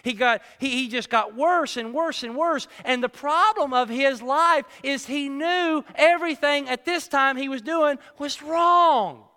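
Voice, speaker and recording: A man preaching a sermon, telling a folksy story and swinging between loud emphatic lines and hushed ones. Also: very high-pitched, measured pace, few pauses, big-room sound. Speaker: pastor.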